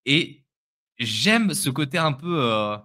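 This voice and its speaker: A man's voice: medium pitch, sing-song, slow pace, sharp tone. A man co-hosting a live crypto stream, giving his opinions in casual chat with frequent restarts and repeated words.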